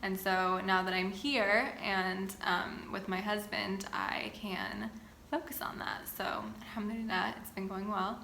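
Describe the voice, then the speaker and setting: A woman in her twenties from the Boston area sits at home and answers viewer-style questions one by one in a relaxed, chatty way. Her voice is bright and clear. The room is echoey, with a faint hum of ambient noise behind her. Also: mid-range voice, measured pace. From Boston area, United States. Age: 20s. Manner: chatty, reads questions then answers at length. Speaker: vlogger. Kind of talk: sit-down get-to-know-me chat.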